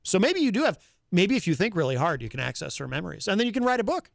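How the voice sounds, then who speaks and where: Guy bantering on a talk show, gravelly fry, close dry sound, kinda halting. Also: sits high, sing-song, dry recording. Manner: teasing, halting delivery. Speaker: talk show host and hypnotherapist. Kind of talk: casual bantering chat.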